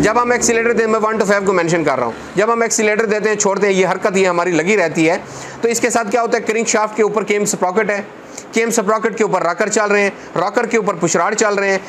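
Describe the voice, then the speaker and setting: A man's voice: high voice, a bit bright, a little hiss or hum. A man, a motorcycle mechanic earnestly giving repair tips to camera in his parts shop, speaking on a lapel mic. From Pakistan. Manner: earnest, repetitive, hands gesturing. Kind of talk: talking-head repair tips. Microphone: clip-on lapel mic.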